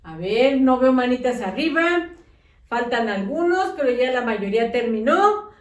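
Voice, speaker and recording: A woman teacher, her voice pitched a little high, dictating very slowly and patiently to small children. She coaxes them along with a gentle, encouraging manner. The recording sounds echoey, with her voice set back from the mic. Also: very animated, recorded from a distance. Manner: patient, coaxing, uses diminutives. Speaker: primary school teacher. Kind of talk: slow dictation lesson for young children.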